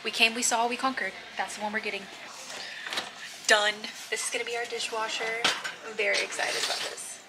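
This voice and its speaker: A woman's voice: on the high side, flat delivery, a little fast, echoey room, very noisy. A young woman vlogging casually to a camera held at arm's length, chatty and upbeat. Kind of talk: casual vlog chat. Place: inside a car, then a showroom and a house under renovation.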